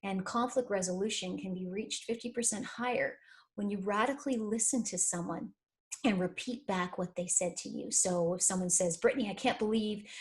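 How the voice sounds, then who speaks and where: Woman coach telling stories warmly. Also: mid-range voice, normal speed. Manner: animated storyteller acting out quoted voices. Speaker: life and career coach, guest. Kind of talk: conversational interview storytelling.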